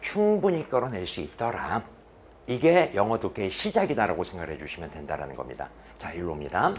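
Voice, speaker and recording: Man, English teacher, classroom lecture, animated pitch, quick self-answered questions, faint background noise. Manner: asks students questions and answers them himself; animated, with sharp drops to quiet emphasis. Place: classroom at a boarding academy.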